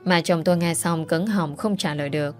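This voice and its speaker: A woman narrating a romance story as an audiobook in a steady storytelling voice. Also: lowish voice, brisk. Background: faint music.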